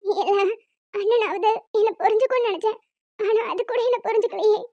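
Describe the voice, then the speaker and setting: A woman's voice: very high voice, a little fast, mellow, dry recording, muffled recording, pitched above the performer's own voice. A woman voicing a tearful, apologetic young bride in a cartoon, with a small pleading voice. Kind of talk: cartoon voice acting.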